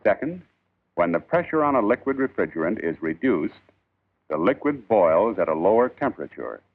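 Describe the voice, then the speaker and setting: A man reading a scripted 1940s instructional film in a formal, measured, emphatic old newsreel narrator style. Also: fairly low pitch, very animated. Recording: tinny band-limited 1940s film soundtrack.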